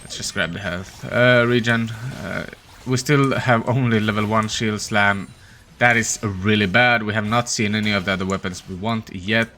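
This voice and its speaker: Low voiced guy with a crisp bright edge, casually talking through his game, kinda tired and low energy. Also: fairly even intonation, moderate pace, a little hiss or hum. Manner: opens with a put-on peppy intro voice. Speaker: host of a gaming channel. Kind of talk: casual gameplay commentary.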